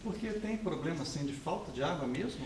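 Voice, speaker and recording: A man, asking an interviewee slow, hesitant questions. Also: a little high, animated, darkish tone, distant mic, a little hiss or hum. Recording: echoey room, off-mic.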